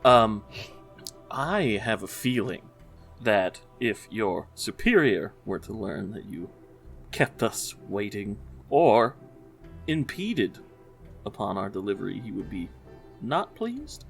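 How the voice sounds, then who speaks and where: A man playing a sly, smooth-talking adventurer. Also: fairly low pitch, very animated, slow, fairly bright tone, faint music behind, heavily acted. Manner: polite and sly, with dry sarcasm.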